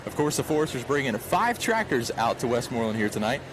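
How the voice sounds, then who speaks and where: A man's voice: mid-range voice, sing-song, quick pace. A man co-announcing a tractor pull, giving enthusiastic, unscripted commentary with emphatic repetition. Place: outdoors at a fairground tractor pull. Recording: noisy outdoor event with engines.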